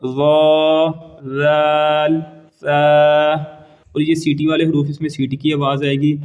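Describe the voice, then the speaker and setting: A man teaching Quran reading, slowly drawing out each Arabic letter three times and giving brief explanations in between. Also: on the high side, level tone, darkish tone, highs cut off. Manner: slow, drawn-out repetition of each letter, three times over; quick plain explanations between recited letters. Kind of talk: letter-by-letter recitation lesson.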